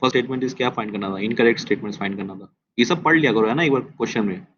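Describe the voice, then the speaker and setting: A man teaching a test review, mixing Hindi and English as he goes. He reads key statements out slowly, repeats them, and keeps putting questions to his class. The recording sounds dull and lo-fi, with a faint hiss behind it. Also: mid-range voice, a bit bright. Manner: quizzes students with questions. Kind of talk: test discussion lecture.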